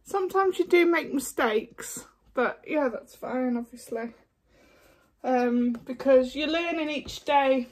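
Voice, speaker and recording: A woman chatting frankly through a makeup tutorial, her voice going hoarse, with lots of fillers along the way. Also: high-pitched, slow pace. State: losing her voice. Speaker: beauty vlogger. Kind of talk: casual makeup tutorial chat.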